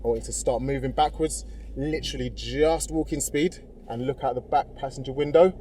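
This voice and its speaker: Inside a car in a car park, with vehicle noise behind him, a driving instructor gives casual, encouraging step-by-step directions and keeps checking that his learner is following. His voice is medium-pitched, steady, brisk and mellow.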